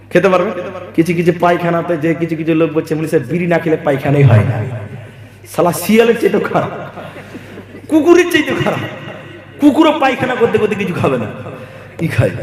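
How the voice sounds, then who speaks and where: A man's voice: sits high, expressive, racing. A man from Assam preaching a humorous sermon, teasing the crowd with rhetorical questions. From Assam, India. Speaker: Islamic preacher. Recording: echoey hall with long reverb.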